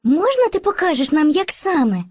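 A woman's voice: high-pitched, big pitch swings, moderate pace, no room sound, clean studio sound. A woman voicing Movka, a kind female spirit of language who teaches and narrates patiently in an educational cartoon. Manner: patient, gently instructive, addresses children fondly.

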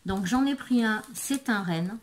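A woman presenting craft supplies in a casual video, hesitant and full of fillers, murmuring softly while she handles things. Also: mid-range voice, unhurried, slight background noise. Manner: hesitant, many fillers and restarts. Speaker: craft vlogger. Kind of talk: casual product show-and-tell.

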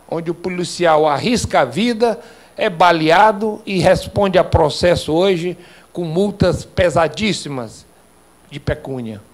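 An older man with a Brazilian accent speaks to a seated audience in a lecture hall, holding a microphone close. His delivery is slow and weighty, and his voice sits a little higher than most men's. He builds his points with earnest, exhorting emphasis. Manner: slow, emphatic, civic exhortation with rising intensity. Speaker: club official addressing members. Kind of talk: formal lecture-hall address. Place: indoor lecture hall with projection screen. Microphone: handheld microphone.

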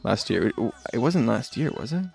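A man's voice: medium pitch, sing-song, moderate pace, gravelly, darkish tone, slightly rough, faint music behind. A man streaming a video game live, chatting casually and rambling, often muttering asides and correcting himself. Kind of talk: casual live gameplay chat.

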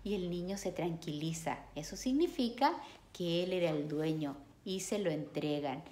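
A woman storyteller reads a picture book aloud to children in an echoey room, pausing warmly to explain the pictures to the kids. Her voice is lowish and expressive, at a moderate pace.

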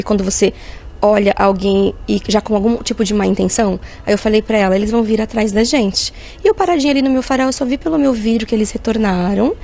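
A middle-aged woman from Brazil, giving an animated interview and acting out quotes as she tells what happened. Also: a little high, creaky. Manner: animated, vivid retelling with acted-out quotes. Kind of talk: interview testimony.

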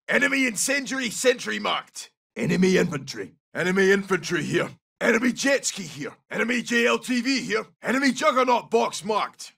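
Here a performer plays a brash, gruff Scottish special forces soldier for a military shooter, delivering urgent, clipped tactical callouts with a gravelly roughness. The man's voice is high and sharp-toned, deliberately exaggerated, and recorded far from the microphone.

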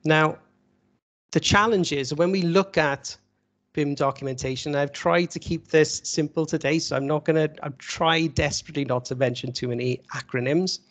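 Speaking at a normal speed, this man has a fairly high, slightly bright voice. He's a university lecturer running a casual webinar with slides, chatting through the material and posing rhetorical questions, all captured on a video call mic.

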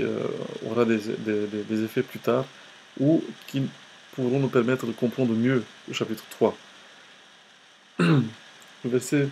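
A man teaching an Old Testament class, reading scripture aloud slowly with hesitations and restarts. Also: mid-range voice, a little mellow, slight background noise. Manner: slow, halting reading with restarts.

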